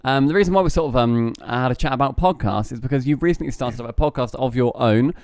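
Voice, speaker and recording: A man's voice: medium pitch, fast, a little mellow, no room sound. A man hosting a casual podcast, joking and teasing his guests. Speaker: podcast host.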